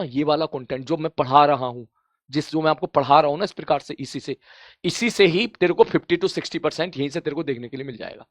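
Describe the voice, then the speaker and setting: A man's voice: fairly high pitch, fairly bright tone, dry recording, studio quality. A male physics teacher giving a live online coaching lecture. He talks straight to his students, keeps checking "okay?", and scolds them playfully.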